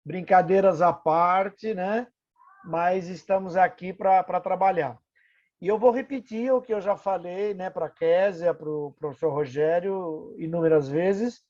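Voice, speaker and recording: High-voiced talkative older man on call. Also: a little slow, darkish tone. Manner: talkative, self-deprecating, offers help repeatedly. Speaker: municipal housing official. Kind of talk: online webinar discussion. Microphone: video call. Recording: dull lo-fi video call audio.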